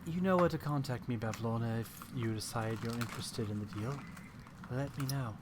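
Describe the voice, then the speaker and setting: A man voicing a poised female visitor who takes her leave with measured politeness. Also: medium pitch, lightly acted. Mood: courteous. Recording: noisy stream audio.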